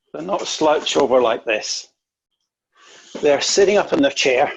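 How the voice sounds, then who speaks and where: A man's voice: a little high, slightly rough, dull audio. A man presenting an online interview-skills workshop, coaching in an emphatic way and often repeating words.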